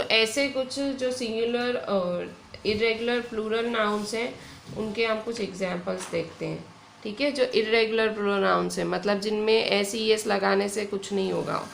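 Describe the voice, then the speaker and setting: Indian woman teacher, slow and gravelly, echoey room: patient lesson delivery. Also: mid-range voice, a little hiss or hum. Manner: slow, patient explaining with frequent "theek hai". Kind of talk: online grammar lesson. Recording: echoey room with faint ambience.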